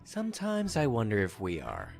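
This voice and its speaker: Laid-back deadpan younger guy, animated pitch. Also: normal speed, creaky, faint music behind, heavily acted. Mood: unbothered. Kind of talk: video game character acting.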